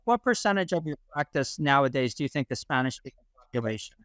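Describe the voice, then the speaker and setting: A man hosting a video podcast, reading a scripted intro and then asking questions with some halting repeats. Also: mid-range voice, expressive, fairly bright tone, dry recording. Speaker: podcast host, interviewer.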